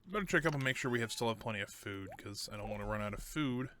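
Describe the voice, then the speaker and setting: A man's voice: on the low side, animated, quick pace, pushed and bright, slight background noise. A man casually chatting with his viewers while he plays a game, correcting himself as he goes. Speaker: streamer.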